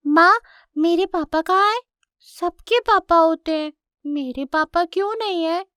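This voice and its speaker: Woman doing a high tearful lion cub boy. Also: a little slow, a bit bright, no echo, clean studio sound. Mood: wondering. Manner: high childlike pleading, often tearful.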